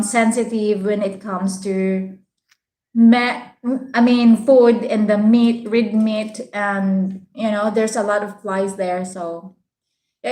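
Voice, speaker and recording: A woman from the Philippines with a Visayan (Bisaya) accent, chatting casually as a livestream host in a polite, halting way. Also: medium pitch, darkish tone. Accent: Filipino, Visayan (Bisaya). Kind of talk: casual live chat, answering viewers' comments. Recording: roomy, echoing room sound.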